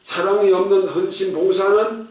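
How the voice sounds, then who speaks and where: A man's voice: high voice, fairly even intonation, moderate pace, darkish tone. A man preaching a sermon as a pastor, folksy and joking, leading the congregation in call and response. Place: church sanctuary. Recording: echoey church hall, distant mic.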